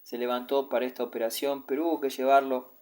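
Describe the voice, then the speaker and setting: A man's voice: mid-range voice, flat delivery, fast talker, a little mellow. Man steadily narrating a classic novel. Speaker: audiobook narrator.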